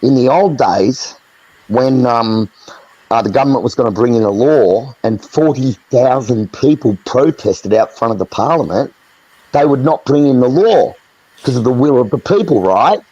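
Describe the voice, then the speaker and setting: A man's voice: medium pitch, expressive, normal speed, dark tone, breathy edge, no echo, lo-fi sound. An Australian man in a heated live chat, ranting angrily with lots of swearing. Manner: angry, profane, ranting.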